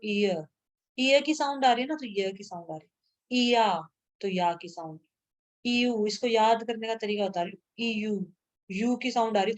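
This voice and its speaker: A woman with a fairly high-pitched voice teaches a grammar lesson to a class. She patiently repeats sounds aloud and checks that students are following.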